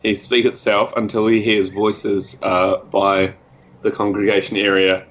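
A man playing in a tabletop game, narrating his character's actions in a relaxed, hesitant way with many pauses. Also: fairly low pitch, dull audio. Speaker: player.

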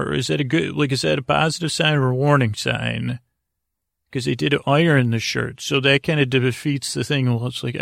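A podcast host with a very creaky, gravelly voice of medium pitch and a slightly bright edge wanders through a bedtime monologue. He stammers, makes repeated false starts, doubles back and leaves thoughts unfinished. The sound is dry and close, without any room echo.

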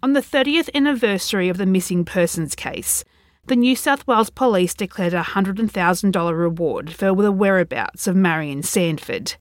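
A woman hosting a podcast, reading a scripted true crime narration in a measured, serious, suspenseful storytelling manner. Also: mid-range voice, lively intonation, dry recording, studio quality.

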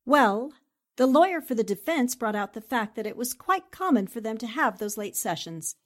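In a 1940s radio drama, a woman plays a determined, principled newspaperwoman looking into a murder case, sounding resolute and challenging. Her voice is a little high and very animated at a moderate pace, and she speaks assertively, articulately and politely.

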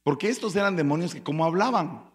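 Animated preacher. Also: male voice, a little high, quick pace. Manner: dramatic storytelling with sudden loud bursts and quiet asides. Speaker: pastor. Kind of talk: sermon.

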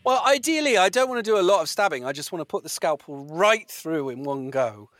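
A man playing a tabletop game, jokey and animated. His voice sits high and swings widely in pitch. The sound is dry and close. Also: brisk, no room sound. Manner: jokey, animated, bursts into laughter. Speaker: player.

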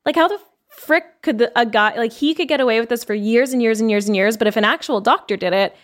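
A woman co-hosting a podcast, walking through a case in a relaxed, chatty way. She fills her talk with "like" and restarts. She is from Canada. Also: a little high, quick pace. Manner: chatty storytelling with many fillers. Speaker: podcast co-host telling a case. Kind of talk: casual chat.

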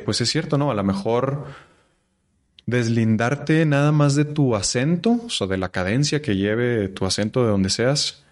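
A man from Chihuahua with a northern Mexican accent, an actor guest talking in a relaxed podcast chat, reflective and full of fillers and restarts. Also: medium pitch. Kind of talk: casual podcast conversation.

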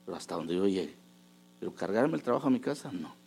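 Animated preacher with a low, dark voice. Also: male voice, quick pace, gravelly, slight background noise. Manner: animated, shifts from hushed asides to raised emphatic bursts. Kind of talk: sermon.

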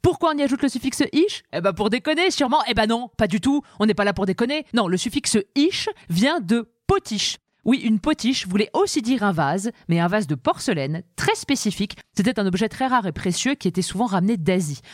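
A woman's voice: mid-range voice, fairly quick, few pauses, no echo. Playful French woman, dry close sound. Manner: lively, playful, self-mocking. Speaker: host. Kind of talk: comic word-origin monologue.

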